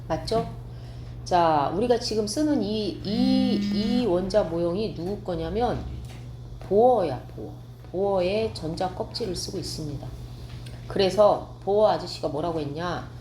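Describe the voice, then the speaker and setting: A woman teaching a science class, talking it through step by step and pausing to ask if everyone follows. Her voice sits in a middle register. It carries in a roomy classroom, with a faint hum behind it. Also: medium pitch. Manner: explains step by step, asks students quick check questions. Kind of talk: classroom lecture.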